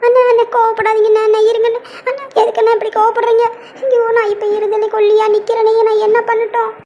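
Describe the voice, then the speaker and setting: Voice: very high-pitched, completely flat delivery, fast talker, darkish tone. A voice actor playing a young cartoon wife who pleads tearfully, speaking and singing sad laments. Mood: pleading. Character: young wife torn between husband and parents. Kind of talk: Tamil cartoon voice acting with sung laments.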